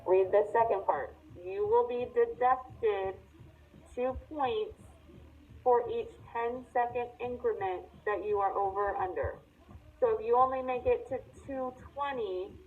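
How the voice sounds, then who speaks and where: A woman teacher giving an online class, explaining an assignment emphatically and repeating her warnings. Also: medium pitch. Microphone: video call audio. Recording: tinny online call audio.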